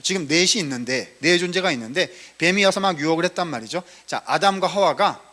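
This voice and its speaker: A man's voice: fairly high pitch, bright, forceful tone. Man teaching in a question-and-answer style. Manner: asks the audience questions and answers them himself; acts out short quoted lines. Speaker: seminar lecturer. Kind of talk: Bible teaching lecture. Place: seminar room.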